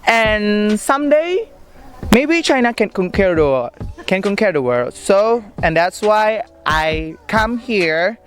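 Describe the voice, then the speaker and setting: A man's voice: high voice, big pitch swings, takes it slowly, soft background music. A young man from Indonesia with an Indonesian accent, answering interview questions outdoors in a park. He is upbeat and chatty but hesitant, with many fillers. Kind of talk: casual street interview.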